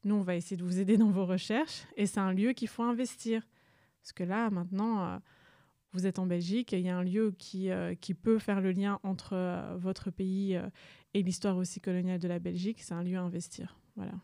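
Woman, young adult, from Rwanda, halting delivery, mellow tone, dry sound. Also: medium pitch, fairly even intonation, no echo. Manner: hesitant, many fillers and restarts. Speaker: museum staff guest. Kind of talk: interview answers.

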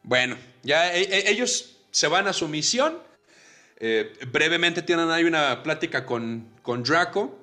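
A man with a Mexican Spanish accent co-hosting a podcast. He rambles through a casual film recap, full of hesitations and quick acted-out quotes. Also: a little high, expressive, sharp tone, faint music behind. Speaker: podcast co-host. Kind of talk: casual movie recap chat.

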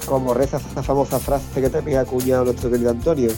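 A man's voice: mid-range voice, steady tone, fast talker, music in the background. A man with an Andalusian accent co-hosting a podcast in casual, teasing banter. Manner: joking, teasing banter with laughter. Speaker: podcast co-host. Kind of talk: casual chat.

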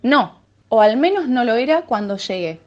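A woman's voice: fairly high pitch, sing-song, normal speed, highs cut off, a little hiss or hum. A woman acting a bewildered woman who insists on her own identity in a radio sketch, confused and growing indignant.

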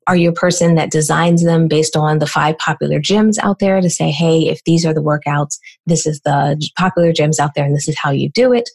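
An American woman answering interview questions as a business coach, explaining in a brisk way with lots of rhetorical questions. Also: low voice, gravelly, a little mellow, breathy edge. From United States.

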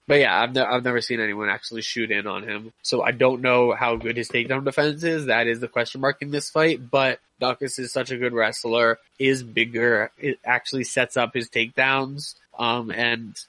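A man's voice: medium pitch, fairly bright tone, no echo, poor audio. A man with a stuffed-up, nasal voice from a cold, casually breaking down a fight in loose, analytical talk full of fillers and restarts.

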